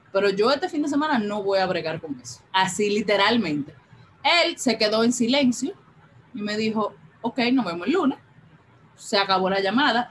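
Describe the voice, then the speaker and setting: A woman's voice: medium pitch, a little hiss or hum, poor audio. A woman, telling her personal story as an interview guest and acting out the dialogue as she goes. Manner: animated, acts out quoted dialogue.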